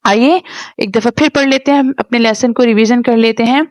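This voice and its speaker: A woman teaching a tajweed lesson, spelling words out letter by letter in long drawn-out recitation, then explaining quickly. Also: fairly high pitch, no echo.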